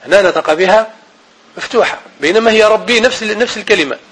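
Husky-voiced man. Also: sits high, a bit bright, rough recording. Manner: repeats each rule slowly several times, as if for dictation. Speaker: teacher. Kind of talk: Arabic grammar and Quran recitation lesson.

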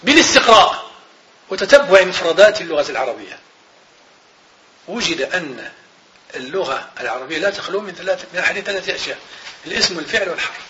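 A man giving a classroom grammar lecture, repeating each definition slowly and checking that students follow. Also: high-pitched, sing-song, pushed and bright, lo-fi sound, a little hiss or hum. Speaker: grammar teacher.

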